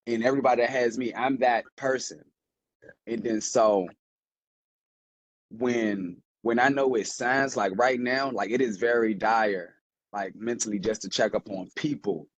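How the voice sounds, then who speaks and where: A man's voice: mid-range voice, no room sound, muffled recording. A young man, telling a heartfelt personal story in a rambling, casual way full of fillers. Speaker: podcast co-host. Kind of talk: casual conversation.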